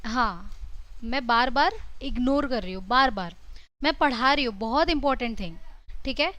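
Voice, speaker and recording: A high-pitched, bright-toned Indian woman lectures her classroom. Her delivery is lively and chatty, and she switches freely between Hindi and English. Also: moderate pace. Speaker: teacher.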